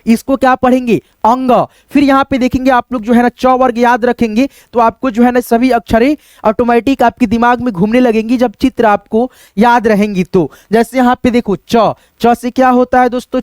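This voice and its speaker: A man's voice: very high voice, a little mellow, dry recording. A man teaching the Hindi alphabet to beginners in a casual classroom style, asking and answering his own questions with many fillers.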